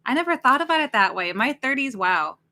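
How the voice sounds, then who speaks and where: A woman's voice: high-pitched, sing-song, a little fast, bright, forceful tone, slight background noise. A woman in her late thirties co-hosting a livestream, chatting in a rambling, casual way and reading out viewer names. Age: late 30s. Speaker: co-host of a horror watch-party stream.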